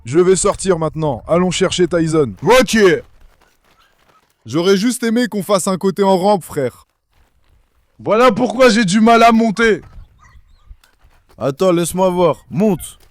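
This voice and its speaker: A man's voice: high voice, lively intonation, unhurried, pauses often, no room sound. A young man vlogging casually from his backyard pool, calling and coaxing his dogs with affection. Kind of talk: casual vlog chat.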